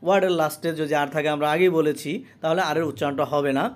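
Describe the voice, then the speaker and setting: A man teaching English pronunciation, repeating each word and its meaning twice in a slow, patient explanation. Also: fairly high pitch, fairly even intonation. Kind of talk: spoken language lesson.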